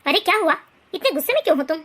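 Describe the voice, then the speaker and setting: A weary husband from an animated family drama, as a woman plays him, reasoning and exasperated. The lowered voice still sits high and bright. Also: rapid-fire, heavily acted.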